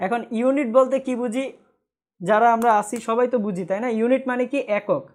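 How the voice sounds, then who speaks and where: Female grammar teacher, slightly high voice, call-and-answer drilling, stern about pointless comments. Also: a little mellow. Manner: asks the class questions and answers them herself; repeats key points slowly. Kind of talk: online grammar lecture.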